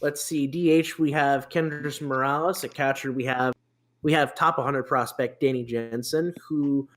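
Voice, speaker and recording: A man chatting on a casual sports podcast, rambling with frequent restarts and fillers. His voice sits at an ordinary middle pitch, and the talk is loose and unscripted. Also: steady tone, normal speed, a bit bright. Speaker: podcast host.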